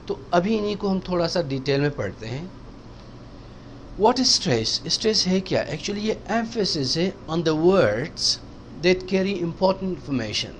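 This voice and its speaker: A man teaching spoken English, explaining slowly and repeating example sentences for practice. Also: fairly high pitch, slight background noise.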